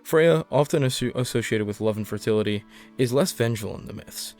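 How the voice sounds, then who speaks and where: A man's voice: mid-range voice, brisk, darkish tone, soft background music. A man delivering scripted explainer narration as the narrator of a video essay.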